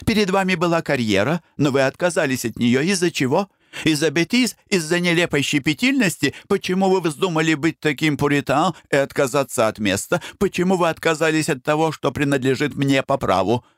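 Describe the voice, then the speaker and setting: A man's voice: on the high side, lively intonation, fairly quick, dry recording, clean studio sound, voice pushed up, natural voice. A man voicing a spoiled, coquettish young woman who speaks in an arch, reproachful way.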